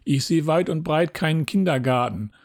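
A man's voice: a little high, lively intonation, normal speed, no room sound, clean studio sound, voice pushed up. A man voicing a grumbling male pirate sailor in a children's storybook reading.

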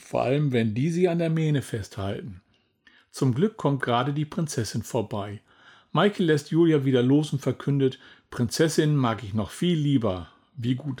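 A man with a husky, slightly breathy voice reads a children's story aloud. His telling is gentle and even, pitched in a middle register, like a bedtime storybook.

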